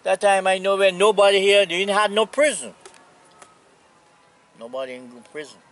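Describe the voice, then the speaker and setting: A man in his eighties from Anguilla with a Caribbean accent, reminiscing casually in an unhurried, plainspoken way. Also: high voice, expressive, fairly bright tone. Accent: Anguillan Caribbean English. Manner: unhurried, plainspoken old seaman's talk with pauses. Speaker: retired sea captain, interviewee. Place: outdoors on a seaside hillside. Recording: outdoor camera audio with noise.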